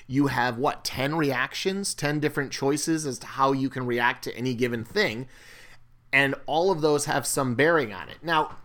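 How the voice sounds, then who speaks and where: Man chatting casually about games. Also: medium pitch. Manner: conversational, rambling with fillers and restarts. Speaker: co-host. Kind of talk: casual board game discussion.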